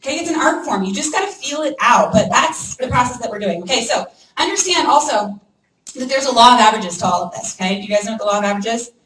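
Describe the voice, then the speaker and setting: A woman giving a lively training talk to a room of people, checking in constantly with "okay?" and "right?". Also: a little high, fast, slight background noise. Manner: energetic, acts out prospects' voices, frequent "okay?" and "right?". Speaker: network marketing trainer. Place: meeting room with an audience. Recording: echoey room, mic from far off.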